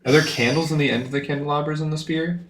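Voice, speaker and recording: A man's voice: on the high side, steady tone, very fast, fairly bright tone, roomy sound. Curious man asking questions at the table. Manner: curious, asks many questions. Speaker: player. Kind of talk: casual tabletop play.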